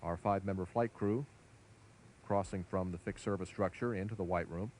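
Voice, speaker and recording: A man giving measured, formal live commentary as a launch commentator. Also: deep voice, fairly even intonation, darkish tone. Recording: faint background noise.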